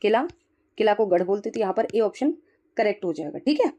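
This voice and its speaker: A woman's voice: mid-range voice, animated, mellow. A woman exam-prep teacher working through test questions one by one, explaining each answer and checking in constantly. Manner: explains quickly, with frequent "ठीक है" check-ins; mixes English terms into explanations. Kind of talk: solving exam questions aloud.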